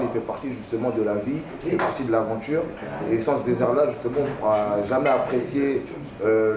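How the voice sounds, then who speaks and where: A man from a rap group, talking in a relaxed, reflective, slangy way during an interview. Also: mid-range voice. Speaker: rapper in a group. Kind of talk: casual interview answers. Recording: roomy, far from the mic, crowd behind.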